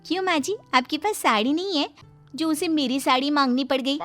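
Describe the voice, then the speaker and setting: A woman's voice: sits high, a little fast, fairly bright tone, soft background music, voice pushed up. A woman voicing a proud, mouthy young daughter-in-law in a cartoon story, talking back sassily. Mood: sassy. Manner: sassy, talks back.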